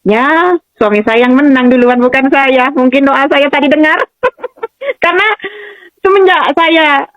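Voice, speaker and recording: A woman's voice: high voice, moderate pace, dry recording, highs cut off. A woman from Madura giving a personal faith testimony, telling her story and often turning to listeners as "saudara". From Madura, Indonesia. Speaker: testimony speaker.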